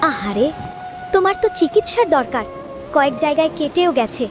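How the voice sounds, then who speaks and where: A woman voicing a gentle, plaintive, downtrodden young village wife in a cartoon fairy tale. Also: sits high, very animated, moderate pace, music in the background. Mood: concerned. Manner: plaintive, tender.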